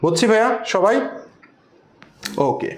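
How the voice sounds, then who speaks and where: A man's voice: high voice, a little slow, roomy sound. A man teaching an accounting class, repeating each point and asking rhetorical questions that he answers himself. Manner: repetitive, asks rhetorical questions and answers them; addresses students as brother. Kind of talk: online class lecture.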